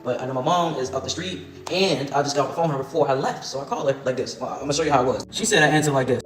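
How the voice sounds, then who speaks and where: A young man tells a story to camera in a rapid, profane, laughing way. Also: medium pitch. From Baltimore, USA. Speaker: storytime vlogger. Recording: echoey room with music behind.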